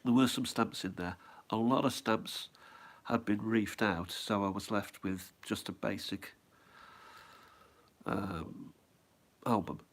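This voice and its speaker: Slow and low-ish, with long pauses, this middle-aged man has a head cold as he presents his stamp album at home. It's a casual show-and-tell: he wanders from thought to thought, thinking out loud and questioning himself.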